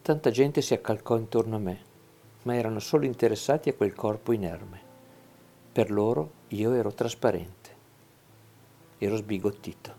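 A man narrating a fantasy story in the first person, in a subdued, hushed storytelling manner. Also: lowish voice, moderate pace, vocal fry, pauses often, soft background music. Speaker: audiobook narrator.

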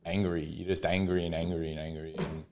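A man in his thirties with an Australian accent, talking candidly as a podcast guest. His voice sits on the lower side, and he tells personal stories in an open, easygoing way, often breaking into a laugh. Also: little pitch movement, a little fast, dark tone, a little hiss or hum. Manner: open, storytelling, laughs easily. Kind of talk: casual conversation.

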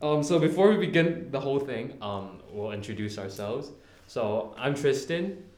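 A man's voice: mid-range voice, lively intonation, normal speed, a little mellow. Laid-back teenage boy in an echoey room. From Hong Kong. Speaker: podcast co-host. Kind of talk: casual chat.

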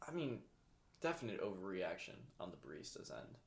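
A man's voice: low-pitched, very animated, fairly quick, creaky, a little hiss or hum. A man joking around in casual podcast banter, spinning playful stories. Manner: playful, tells jokey stories with bursts of laughter.

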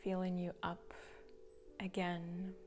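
A woman guiding a grounding meditation, talking softly and slowly, with some words breathed out in a whisper. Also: lowish voice, monotone, a little hiss or hum. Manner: slow, soft, partly whispered guidance. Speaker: meditation guide. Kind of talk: guided meditation.

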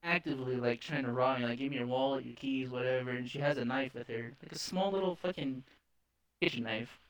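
A man's voice: mid-range voice, brisk, low-quality recording. Young man telling a wild story. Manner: animated, swears, laughs often. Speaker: podcast co-host. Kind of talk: casual storytelling chat.

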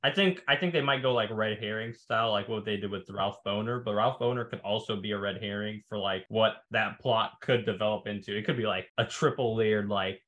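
A man co-hosting a podcast, chatting casually with quick, enthusiastic slang. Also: on the low side, a bit bright. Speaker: podcast co-host. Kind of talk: casual chat.

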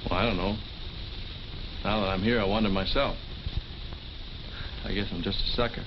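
A modest, hesitant ex-Navy man from an old noir film, played by a man, with a very deep, low voice. It comes through a dull, muffled 1940s soundtrack with loud hiss. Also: fairly even intonation, moderate pace, natural voice. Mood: sheepish. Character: meek honest male ex-Navy man.

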